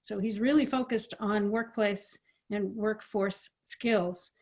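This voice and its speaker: A woman's voice: medium pitch, fairly even intonation, slow pace. Encouraging woman moderating a briefing. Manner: warm, encouraging. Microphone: video call.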